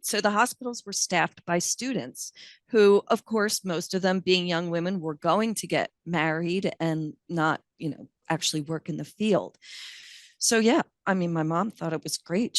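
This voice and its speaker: A woman's voice: medium pitch, dry recording. A woman in her fifties, a nurse and guest, reminiscing thoughtfully in a casual interview and thinking aloud as she goes. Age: 50s.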